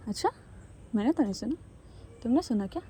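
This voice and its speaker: A woman voicing a young woman who brushes off questions and soothes her partner in a calm, reassuring way. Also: a little high, fairly quick, slight background noise, natural voice.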